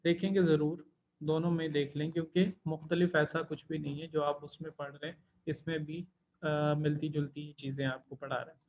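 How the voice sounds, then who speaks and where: A man's voice: a little high, level tone, normal speed, lo-fi sound, a little hiss or hum. A man teaching an online language class, explaining patiently step by step and drawing out sounds to demonstrate tones. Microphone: computer mic in video call.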